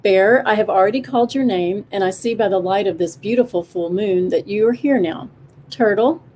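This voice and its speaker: A woman voicing a male owl who leads a forest council in a storybook, calm and measured. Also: mid-range voice, slight background noise, close to an everyday voice. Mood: steady. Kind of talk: storybook character voice.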